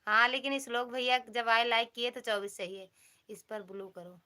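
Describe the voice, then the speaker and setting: Brief: woman from Uttar Pradesh with an Awadhi lilt, bright and tense, playfully scolding viewers on her live stream. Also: a little high, steady tone, moderate pace. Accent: Awadhi-flavoured Hindi. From Uttar Pradesh, India. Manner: teasing, chatty, reads out and thanks commenters.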